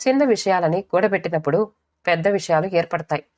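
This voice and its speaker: A woman voicing a determined young wife who answers calmly and firmly in an audiobook story. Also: on the low side, fast talker, close to an everyday voice. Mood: resolute. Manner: calm, firm.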